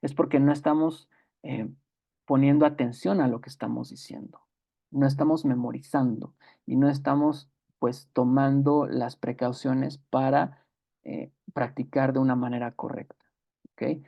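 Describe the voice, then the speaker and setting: Gravelly man teaching English. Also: mid-range voice, fairly even intonation, mellow. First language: Spanish. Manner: explains patiently, repeats example words slowly; many fillers and self-corrections. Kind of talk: online grammar lesson.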